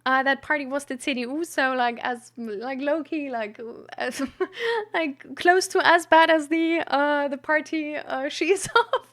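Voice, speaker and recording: A woman's voice: high voice, a little slow, a bit bright. A young woman streamer telling a personal story in a candid, rambling way, full of "like", restarts and nervous laughs. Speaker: streamer hosting a mental health talk.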